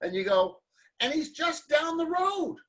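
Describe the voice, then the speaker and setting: A man's voice: very high-pitched, very animated, a little slow, fairly bright tone, poor audio. A man hosting a conversational interview, talking earnestly and with humor about hard times. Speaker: interview host.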